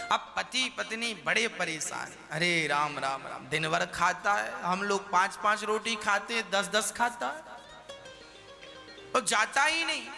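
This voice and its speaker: A male preacher with a strikingly high voice tells homely parables at an unhurried, slow pace. His sermon rings through a long-reverberating hall over steady music. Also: vocal fry. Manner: folksy storyteller, chants Sanskrit verse. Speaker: Bhagavat katha preacher. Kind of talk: devotional storytelling sermon. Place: large live religious gathering.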